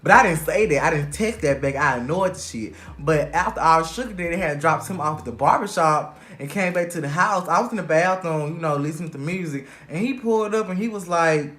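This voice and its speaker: Young male vlogger, casual storytime delivery, very expressive and profane. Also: a little high, brisk, hardly any pauses. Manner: animated, heavily profane storytelling. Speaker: vlogger telling a personal story.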